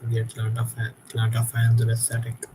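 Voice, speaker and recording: A man's voice: medium pitch, completely flat delivery, fairly quick, noisy background. A tired man hosting a late-night football watchalong, giving frustrated, critical reactions to the game as it happens. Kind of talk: live match commentary and reaction.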